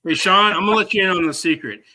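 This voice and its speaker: A man hosts a loose, casual chat. His voice is bright and forceful, pitched a little above average. He banters informally and likes to tease. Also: fast talker, poor audio. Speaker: show host.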